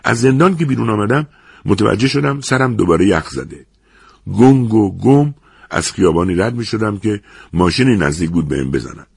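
A man narrating a first-person story in a lively, dramatic way. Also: fairly low pitch, gravelly, slightly rough, no echo, clean studio sound.

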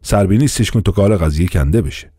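A man's voice: deep voice, animated, warm tone, slightly rough, no echo, clean studio sound. A man voicing a pompous, bullying police inspector in an audiobook, blustering and commanding. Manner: blustering, commanding, quick to turn. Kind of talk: audiobook character voice.

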